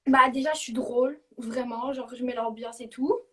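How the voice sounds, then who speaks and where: A woman's voice: fairly high pitch, fairly even intonation, normal speed, recorded from a distance. A woman guesting on a live stream, chatting casually and self-assured.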